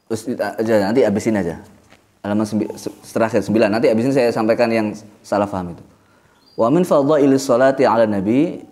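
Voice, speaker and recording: A man's voice: medium pitch, a little mellow. A man teaching at an Islamic study session, mixing Arabic recitation with joking explanation. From Indonesia. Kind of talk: religious study lecture.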